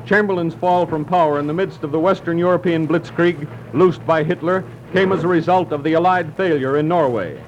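A male announcer with a slightly raised pitch reads bulletins in a crisp, clipped manner. His voice comes through an old newsreel-style archival broadcast, muffled and dulled. A faint hiss sits under it. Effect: old newsreel-style archival broadcast sound. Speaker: radio news announcer. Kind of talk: formal news bulletin reading. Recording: muffled, hissy old radio recording.

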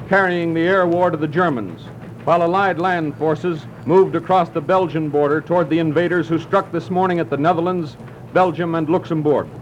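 Man reading news in old newsreel sound. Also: fairly high pitch. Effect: old newsreel-style archival broadcast sound. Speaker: radio news announcer. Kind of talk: formal news bulletin reading. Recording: muffled, hissy old radio recording.

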